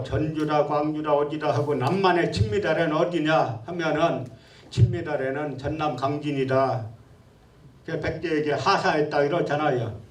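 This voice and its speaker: A man's voice: on the high side, reverberant, distant mic. A man giving a public history lecture, scornful and full of rhetorical questions.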